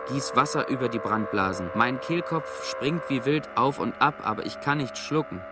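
A man reading a first-person literary text for an audio drama, in a measured, grave storytelling manner. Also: mid-range voice, very noisy. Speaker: narrator.

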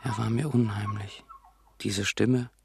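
A man reading a first-person literary text for an audio drama, in a quiet, reflective manner. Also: on the low side, steady tone, unhurried, creaky, noisy background. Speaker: narrator. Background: music.

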